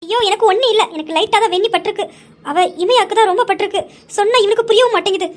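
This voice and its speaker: Woman doing a soft-spoken caring mom, high voice, calm and reassuring. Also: rapid-fire. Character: kind caring middle-aged mother-in-law.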